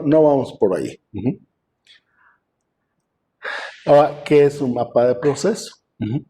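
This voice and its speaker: A male professor teaches over a video call in a mellow, low-pitched voice. He talks conversationally, with lots of fillers, and often clears his throat. A faint hiss sits under his voice. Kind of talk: online class lecture.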